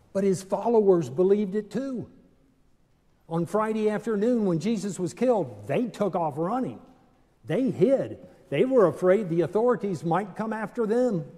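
An older man preaching a sermon from a pulpit in a large stone church, measured and deliberate with dramatic pauses. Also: high voice, warm tone. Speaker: pastor. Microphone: pulpit microphone, far camera. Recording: long church reverb.

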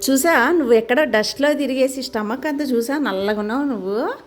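Woman pet vlogger, higher voice, baby talk mixed with plain chat to camera. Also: a little fast, slight background noise. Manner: coos in baby talk to her bird, then explains calmly to viewers. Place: home.

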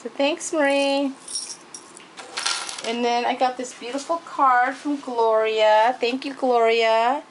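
A woman's voice: on the high side, steady tone, takes it slowly, a little hiss or hum, low-quality recording. A woman craft vlogger showing off gifts in a casual show-and-tell, gushing and thanking people over and over. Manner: gushing, repeats thanks and praise.

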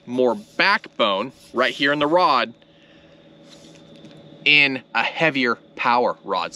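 A man in his thirties hosts a fishing channel from a boat on a lake at sunset, explaining gear straight to a camera close in front of him. His medium-pitched delivery is casual, energetic and plain-spoken, full of "right?" and "okay?"

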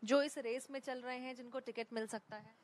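A woman's voice: a little high, fairly even intonation, fairly quick. A woman news reporter introducing a guest and asking interview questions, with some fillers.

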